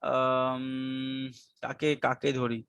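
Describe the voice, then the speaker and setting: A man's voice: medium pitch, monotone, drawn-out words, fairly bright tone, clean tone, no room sound, highs cut off. A male teacher giving an online exam-prep lecture, mixing English terms into his speech, repeating a memory chant again and again and calling on students by name to recite it. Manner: drills a memory chant over and over.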